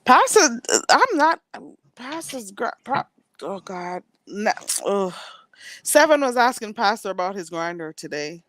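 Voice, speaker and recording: A woman's voice: mid-range voice, big pitch swings, measured pace, fairly bright tone, dry recording. A woman hosting a casual live stream chat, telling stories at length and laughing often, with a stuffy nose. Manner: chatty storytelling, laughs often.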